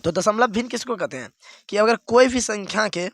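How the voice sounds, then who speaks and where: A man with a high voice teaches a math lesson step by step and keeps checking that his listeners follow along. The recording is dry and close, with no room sound. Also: expressive, a little fast, vocal fry, a bit bright, no echo. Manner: explains step by step, repeats "dekhiye" and "theek hai".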